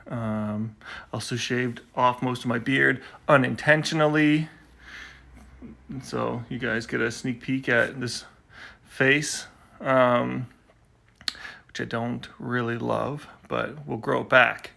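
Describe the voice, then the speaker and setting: Slow, level and gravelly, with a sharp tone, this man's mid-range voice comes from a phone recording at home. He's casually chatting to live viewers on his own poetry stream, rambling and teasing them before it begins.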